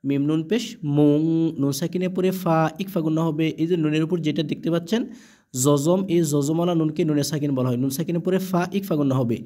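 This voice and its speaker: Man spelling out Quran lessons slowly. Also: fairly high pitch, dark tone. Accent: Bangladeshi. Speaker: Quran reading teacher.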